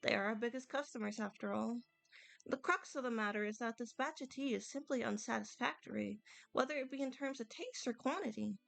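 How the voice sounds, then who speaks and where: A woman's voice: fairly high pitch, a little fast, creaky, fairly bright tone, dry recording. A woman voicing a very old, apologetic village tea farmer in formal, courteous, old-fashioned phrasing, reading video game dialogue. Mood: earnest, worried. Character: polite, apologetic elderly village tea farmer, Grandpa Liu.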